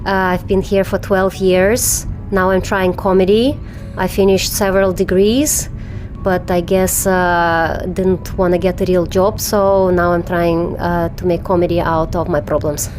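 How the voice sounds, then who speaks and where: A woman's voice: on the low side, little pitch movement, a little slow, a little mellow, soft background music. A woman from Belarus, a new comedian, talking as a podcast guest in a hesitant way with dry, self-deprecating humor and many fillers. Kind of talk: casual chat.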